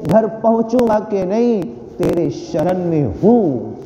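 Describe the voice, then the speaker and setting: A slow, earnest man's voice delivering a devotional sermon, high-pitched and mellow. He repeats his phrases with growing fervour. The sound is dull, with the long reverb of a large hall. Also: sing-song, a little hiss or hum. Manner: earnest, repetitive, fervent. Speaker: preacher. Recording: dull, echoey hall recording.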